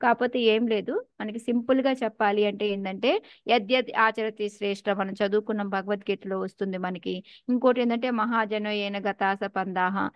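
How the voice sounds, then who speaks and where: A woman's voice: mid-range voice, steady tone, normal speed, dry recording, dull audio. A woman with a Telugu accent teaching a scripture class in a conversational way, asking her listeners questions and mixing in English words.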